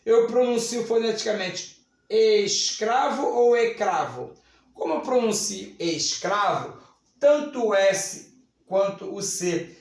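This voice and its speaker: A Brazilian man teaching Portuguese grammar at a whiteboard, stretching key words and checking in with the class. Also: high-pitched. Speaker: Portuguese teacher for civil service exams. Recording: very echoey room.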